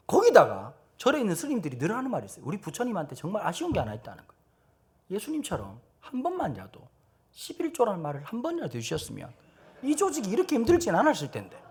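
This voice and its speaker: A man's voice: sits high, slightly rough. A middle-aged man with a Gyeongsang Korean accent, preaching at a teachers' seminar with blunt humor and acted-out quotes. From Gyeongsang region, South Korea. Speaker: pastor.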